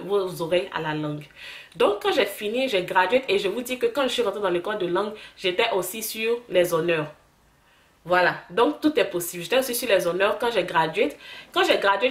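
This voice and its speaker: A woman's voice: medium pitch, reverberant. A young woman with an Ivorian French accent, chatting casually to camera and mixing in English words. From Ivory Coast. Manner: animated, restarts and mixes in English words. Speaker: vlogger.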